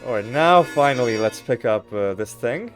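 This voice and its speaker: A man's voice: mid-range voice, expressive, moderate pace, soft background music. A man hosting a let's play, talking through a game casually with wry, rambling asides and frequent self-corrections. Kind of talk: casual gameplay commentary.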